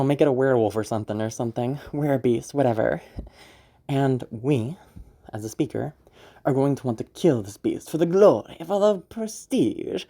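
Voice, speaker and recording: Brief: a man with a warm, dark tone, casually teaching voice acting. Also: medium pitch, vocal fry. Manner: rambling, laughs often, restarts. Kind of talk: casual spoken tutorial.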